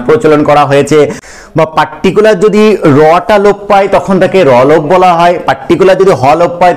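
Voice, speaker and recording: A man teaching a grammar lesson. He asks questions and answers them himself, calls the viewers friends and repeats the key points. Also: high voice.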